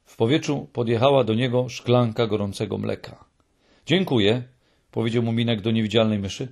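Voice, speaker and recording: A man narrating a children's storybook in a slow, calm, husky voice. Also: medium pitch. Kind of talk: audiobook narration.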